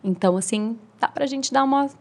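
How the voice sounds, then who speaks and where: A woman's voice: fairly high pitch, fairly quick, a little mellow. A woman, a speaking mentor explaining tips in a friendly, teaching way as a podcast guest. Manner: didactic, demonstrative, friendly.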